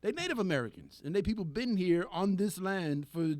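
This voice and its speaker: Man, podcast co-host, animated, laughing, lively pitch, dry close mic. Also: a little fast, no echo. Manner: animated, laughs often, acts out quoted voices. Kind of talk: casual chat.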